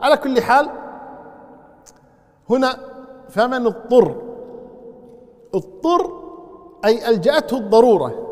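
A man explaining scripture in a lesson, repeating key phrases slowly to drive them home. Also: high-pitched, big-room sound. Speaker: Islamic scholar. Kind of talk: Quran commentary lesson.

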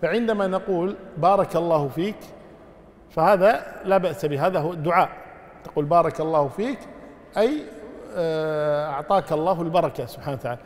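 A man, an Islamic scholar, answering listeners' religious questions in a measured way, often adding pious formulas. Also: a little high, big-room sound. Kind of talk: religious Q&A lesson.

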